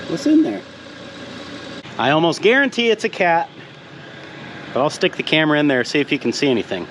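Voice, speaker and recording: A young farmer and video host films his farm vlog outdoors and in a hay barn, talking casually through the work. His fairly high, fairly bright voice swoops wildly in pitch and runs a little fast; he's easygoing, thinks aloud, and corrects himself, with slight background noise.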